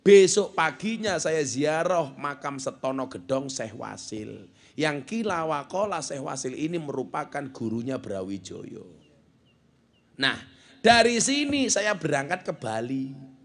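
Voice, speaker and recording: A man's voice: on the high side, sing-song, unhurried. Joking preacher, man. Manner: joking, mixes Javanese with Indonesian, acts out the people in his stories. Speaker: Islamic preacher. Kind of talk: humorous sermon at a religious gathering.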